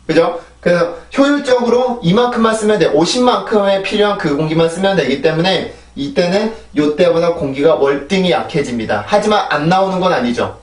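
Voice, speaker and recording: A man's voice: high-pitched, brisk, hardly any pauses, roomy sound, distant mic. A man teaching English pronunciation in a recorded lesson, explaining patiently and repeating each drill word three times. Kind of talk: recorded video lesson, explaining and modeling sounds.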